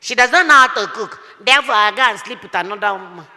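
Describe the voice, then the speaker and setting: A middle-aged woman pastor, preaching fervently with rhetorical questions and shouted bursts. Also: fairly high pitch, fast talker. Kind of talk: sermon. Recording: echoey hall.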